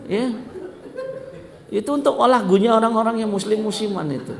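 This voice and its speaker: A middle-aged man giving a lively, joking sermon to a study gathering, often asking the audience questions. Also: high-pitched, moderate pace, creaky, a crowd in the background. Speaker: ustadz giving a religious talk.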